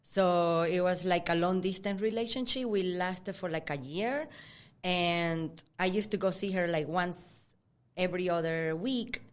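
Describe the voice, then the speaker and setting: A woman's voice: lowish voice, a little slow, clear, resonant tone. A young woman from Venezuela with a Venezuelan accent, a podcast guest chatting casually and acting out quotes as she tells stories. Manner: animated storyteller acting out quotes, laughing often. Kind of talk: casual chat.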